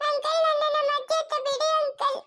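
A woman with a level, fairly quick, bright and forceful voice plays a frightened little lost girl in an amateur family skit. She cries and pleads in a shrill tone.

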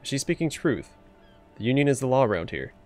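A man's voice: medium pitch, sing-song, fast, a little mellow, faint music behind. A man reading video game dialogue and narration aloud in a casual, tentative manner. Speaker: let's player reading the game's dialogue aloud.

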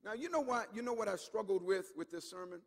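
High-voiced preaching man, lively and bright. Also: fast talker, in a large hall. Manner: emphatic preaching, rising to shouts and dropping low; repeats words and acts out quoted voices. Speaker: pastor. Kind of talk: sermon.

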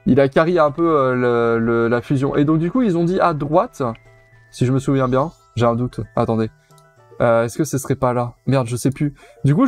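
A man's voice: mid-range voice, a little mellow. A man giving casual, chatty commentary while streaming a video game, repeating himself and using many fillers. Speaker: let's play streamer.

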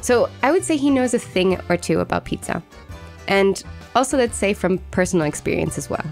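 A woman hosts a podcast in a casual, playful way. Her voice sits at a mid pitch. Faint music runs under the talk. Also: expressive, a little fast, gravelly, a little mellow. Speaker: podcast host.

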